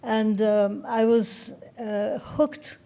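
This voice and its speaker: A woman of around seventy, from Egypt, speaking as an interview guest in a measured, thoughtful way and often pausing to find her words. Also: on the high side, level tone, warm tone. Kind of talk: reflective interview talk.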